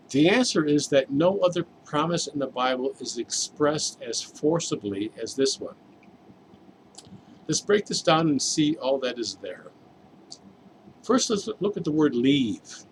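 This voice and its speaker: A man preaching a sermon in a measured, explanatory way, stressing key words as he teaches. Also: medium pitch, a little hiss or hum, low-quality recording.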